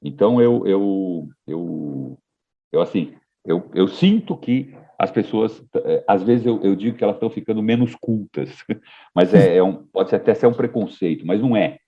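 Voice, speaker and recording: Husky low-voiced man, lively pitch. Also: normal speed, muffled recording. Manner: reflective, hesitant with repeated restarts. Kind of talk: casual podcast conversation.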